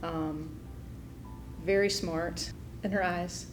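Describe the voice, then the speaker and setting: A woman's voice: lowish voice, steady tone, extremely slow, music in the background, rough recording. A woman in an interview talking hesitantly and giggling about her partner.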